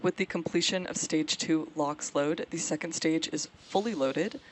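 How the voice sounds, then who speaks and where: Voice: mid-range voice, normal speed, a little hiss or hum, poor audio. A launch webcast host giving explanatory live commentary on a rocket launch.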